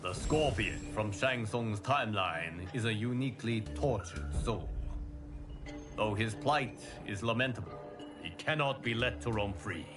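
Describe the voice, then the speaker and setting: For a game cutscene, an actor voices a calm, solemn male fire god briefing the player, his voice on the low side. He speaks in measured, grave, formal words while game score music plays behind him.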